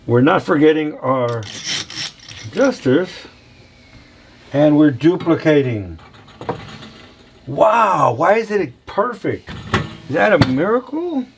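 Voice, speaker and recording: Speaking slowly with frequent pauses, a machinist shows how to balance an engine in his workshop. His fairly high voice swings widely in pitch over a faint hiss or hum, and he keeps it playful and chatty, calling his viewers "y'all" in this casual hands-on demo.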